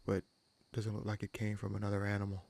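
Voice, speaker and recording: In an audio roleplay, a man plays a kindly but gruff wounded bandit leader, addressing the listener in halting, musing phrases. He sounds thoughtful and suspicious, his voice low, darkish and monotone.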